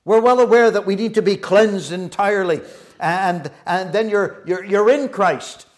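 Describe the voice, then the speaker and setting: A man preaching a sermon in an earnest, halting way, often restarting his words and swinging between soft reflection and loud emphasis. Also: high voice.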